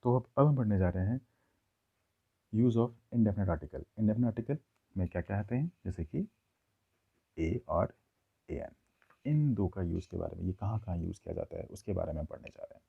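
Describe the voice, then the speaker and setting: A man teaching a classroom grammar lesson, explaining slowly and checking in with his listeners often. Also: deep voice, lively intonation, vocal fry, slightly rough. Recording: tinny phone-like audio.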